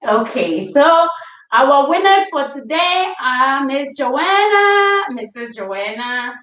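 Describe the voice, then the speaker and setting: A woman hosting a family livestream, reading viewer comments aloud and laughing often in a warm, affectionate way. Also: high-pitched, big pitch swings, takes it slowly. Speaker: livestream host. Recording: roomy, distant, dull sound.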